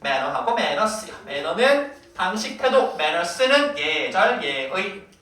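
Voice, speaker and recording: Lively teacher in an echoey classroom. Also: mid-range voice, a little slow. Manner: playful, teasing, quizzes students. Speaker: English teacher. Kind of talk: classroom vocabulary lesson. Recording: very echoey room, voice far from mic.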